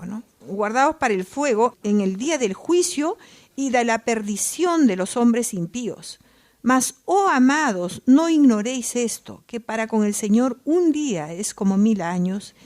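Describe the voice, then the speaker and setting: A woman's voice: a little high, a little mellow, dry recording. A woman leading a Bible study, reading scripture aloud and explaining it earnestly, asking tag questions as she goes.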